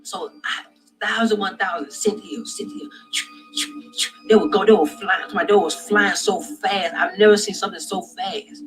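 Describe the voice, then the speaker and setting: Man recounting a dream, high voice. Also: steady tone, over music, low-quality recording. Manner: halting, many restarts and fillers, grows loud and intense. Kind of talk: personal dream testimony.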